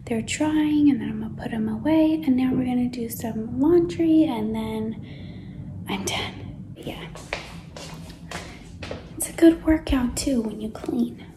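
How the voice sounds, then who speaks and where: A young woman whispers her way through a clean-with-me ASMR video, her voice high and her pace unhurried. She chats to viewers as she works, filling the gaps with casual fillers. The recording is roomy, and she is heard from some distance from the camera mic. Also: music in the background. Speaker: ASMR creator. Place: kitchen of a small apartment, indoors. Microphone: camera on tripod and handheld phone. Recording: echoey room, voice from off the mic.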